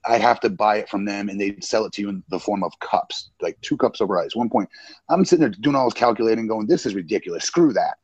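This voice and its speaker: A man's voice: fairly low pitch, animated, fast talker, darkish tone, breathy edge, no room sound, highs cut off. Brash forties male podcast guest, dry close sound. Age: 40s. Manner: brash, boastful banter. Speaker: guest wrestler. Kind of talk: casual podcast chat.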